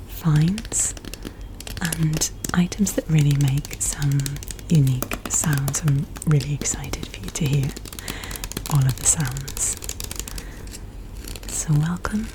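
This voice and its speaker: A woman whispers in a gentle ASMR style, close to the microphone. Her voice sits low and she takes her words very slowly. A clear, steady hum of air conditioning runs behind her. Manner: soft, gentle, unhurried whisper. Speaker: ASMR video host. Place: indoor room with air conditioner running. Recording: clear steady background noise. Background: air conditioner noise, tapping and clicking of handled objects.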